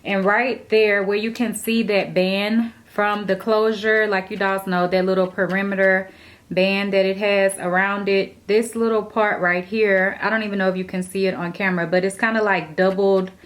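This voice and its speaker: A woman's voice: medium pitch, normal speed. Chatty woman hair vlogger, roomy sound. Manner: chatty, relaxed, addresses viewers as dolls and guys. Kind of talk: casual tutorial talk to camera. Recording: roomy echo.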